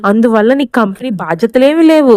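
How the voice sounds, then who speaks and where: A woman's voice: on the high side, lively intonation, brisk, darkish tone, natural voice. A woman reading the lines of a domineering, scornful woman who scolds and orders. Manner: scolding, commanding.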